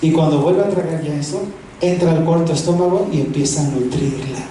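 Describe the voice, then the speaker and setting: A man preaching a Bible lesson in an animated way, asking rhetorical questions and repeating words for emphasis. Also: on the high side, fairly quick, slight background noise. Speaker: preacher teaching a theology class. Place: large echoing church hall. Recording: very echoey hall, voice far from mic.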